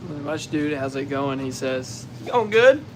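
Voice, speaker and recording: A man hosting a casual outdoors livestream, talking excitedly and rambling with many fillers while he has the hiccups. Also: mid-range voice, measured pace, noisy background. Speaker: outdoors channel host.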